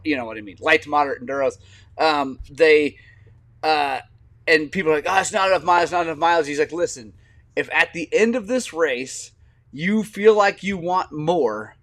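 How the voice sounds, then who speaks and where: A man's voice: on the high side, a bit bright, dry recording. A man in his forties, a podcast co-host, telling rambling stories in casual chat and laughing often. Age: 40s.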